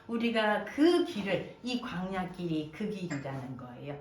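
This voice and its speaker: A woman's voice: lowish voice, unhurried. A woman pastor giving a sermon, asking the congregation questions as she teaches. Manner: lively preaching with questions to the congregation. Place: church sanctuary. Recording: echoey church room, voice from a distance.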